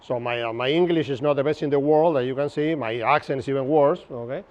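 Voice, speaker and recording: Speaking quickly in a mid-range voice with a darkish tone, a man in his fifties from Buenos Aires leads a workshop under an open-sided outdoor pavilion, and the recording is muffled. Spanish is his first language and his accent is Argentine. As instructor, he jokes, chats, and keeps checking in with the listeners.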